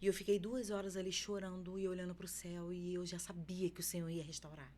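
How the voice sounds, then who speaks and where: A woman's voice: fairly low pitch, little pitch movement, fairly quick, dark tone, slight background noise. A woman with a Brazilian Portuguese accent, a podcast guest telling an emotional faith testimony with fervent feeling.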